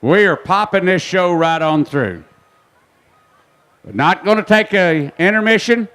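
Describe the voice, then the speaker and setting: A man's voice: sits high, animated, measured pace, a bit bright. A man announcing a tractor pull live, in a folksy manner that repeats phrases for emphasis. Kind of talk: live event commentary over a PA.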